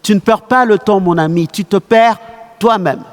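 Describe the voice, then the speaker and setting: A man's voice: high-pitched, normal speed. A man telling a story on stage in a lyrical, dramatic, half-sung way. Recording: background music.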